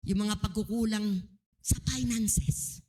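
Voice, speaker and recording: Animated Filipina woman preaching. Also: mid-range voice, slow pace, long reverb tail. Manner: animated, acting out voices in quotes. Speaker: pastor. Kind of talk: sermon.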